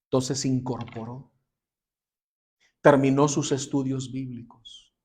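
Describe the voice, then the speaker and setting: Man telling a story in a Bible class. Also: mid-range voice. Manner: dramatic retelling, dropping to a hushed voice for emotional lines.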